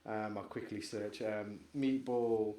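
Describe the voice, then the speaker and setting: A man co-hosting a podcast, chatting excitably and rambling, trailing off into mumbles while he searches. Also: on the low side, takes it slowly, slight background noise. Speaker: podcast co-host. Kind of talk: casual chat.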